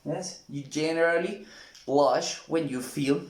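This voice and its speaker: A man teaching English vocabulary in a lesson, acting out each example in an animated way. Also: a little high. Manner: slow, animated, acts out examples. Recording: echoey room.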